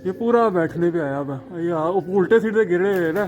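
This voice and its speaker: A man, chatting excitably in a casual rooftop vlog about his pigeons, often laughing at himself. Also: high voice, normal speed. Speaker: pigeon keeper vlogger. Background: pigeons cooing.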